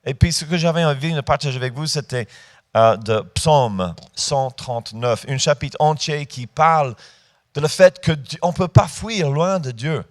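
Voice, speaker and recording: A man's voice: on the high side, normal speed. A man in his fifties preaching a sermon in a church, talking informally with hesitations and rising to emphatic points. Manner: rises to emphatic, lifted delivery on key points.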